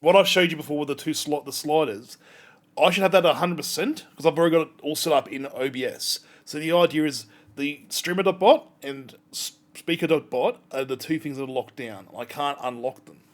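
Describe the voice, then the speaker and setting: A man's voice: a little high, a little fast. A man chatting casually on a game livestream, rambling in a mildly exasperated way. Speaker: game streamer.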